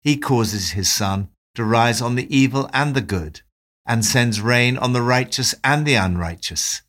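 A man giving a devotional talk, reading Bible passages and reflecting on them in a calm, measured way. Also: medium pitch. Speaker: devotional presenter.

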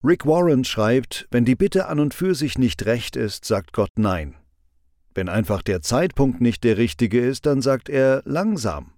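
A man giving a calm devotional sermon with a measured, instructive delivery. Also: medium pitch, dry recording, clean studio sound. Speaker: preacher.

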